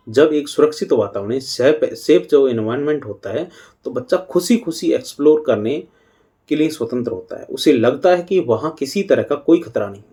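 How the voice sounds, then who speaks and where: A middle-aged man giving a calm devotional talk on parenting as a spiritual teacher, unhurried and pausing now and then. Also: mid-range voice.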